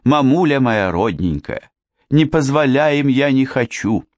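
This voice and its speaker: A man's voice: mid-range voice, lively intonation, unhurried, darkish tone, no room sound, voice pushed up, natural voice. A man voicing a theatrical young woman who insists and pleads in a melodramatic way. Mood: tearful.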